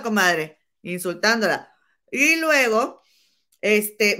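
A woman tells celebrity gossip in a lively, chatty way. She acts out every quoted insult and keeps turning to her friend as comadre. Her voice sits at an ordinary middle pitch for a woman. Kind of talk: casual celebrity gossip chat.

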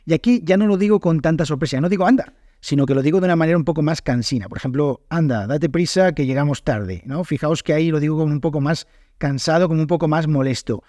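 A man's voice: on the high side, fast talker, dark tone, dry recording, clean studio sound. A man from Spain with a Spain Spanish accent, hosting a podcast lesson in a chatty way and acting out example phrases. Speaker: podcast host and Spanish teacher.

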